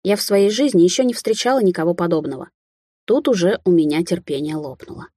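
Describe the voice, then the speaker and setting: A woman's voice: lowish voice, animated, a little fast, dark tone, husky, no echo, studio quality. A woman narrating a fantasy audiobook in the first person.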